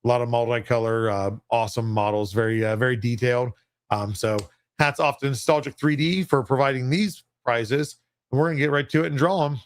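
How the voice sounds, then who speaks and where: A man announces giveaways on a livestream in a casual, off-the-cuff way. His medium-pitched voice is recorded dry and close, and he comes across as chatty and self-deprecating. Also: a little fast, dry recording.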